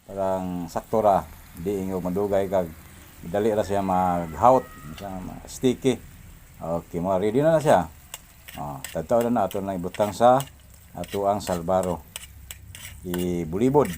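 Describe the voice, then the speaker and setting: Low, mellow-voiced man showing a recipe. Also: normal speed, slight background noise. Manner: chatty, laughs often, talks while working. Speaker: cooking vlogger. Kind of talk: casual cooking demonstration. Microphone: phone camera held in one hand.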